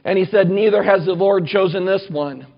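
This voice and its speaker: A male pastor giving a sermon and reading scripture aloud, earnest and measured, slowing down to stress key points. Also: high-pitched, dull audio.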